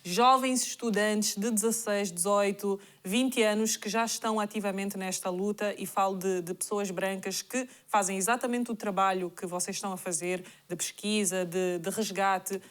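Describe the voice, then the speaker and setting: A woman's voice: mid-range voice, fairly even intonation, normal speed, few pauses. A woman hosting a studio talk show, handing over to guests and affirming them with a frequent "exato" between hesitant fillers. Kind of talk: television studio interview. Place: television studio.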